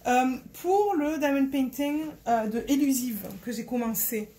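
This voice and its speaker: Woman, Marseille accent, casual vlog chatter, hesitant and rambling, recorded on a phone, a bit high-pitched. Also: a little slow, mellow. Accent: Marseille French. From Marseille, France. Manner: rambling, hesitant, searching for words. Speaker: diamond painting vlogger. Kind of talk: casual chat to camera.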